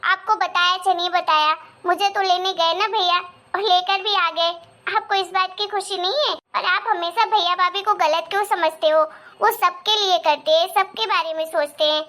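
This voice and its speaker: A woman's voice: extremely high pitch, steady tone, normal speed, pushed and bright. A woman voicing an eager, reassuring young married daughter visiting her mother in a cartoon. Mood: insistent. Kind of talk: animated cartoon voice acting.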